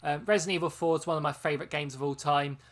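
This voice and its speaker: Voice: mid-range voice, steady tone, very fast, noisy background. Rambling game streamer, chatty. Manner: rambling, chatty, frequent ums and self-corrections. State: tired from long streaming. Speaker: game channel host. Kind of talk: casual live-stream chat.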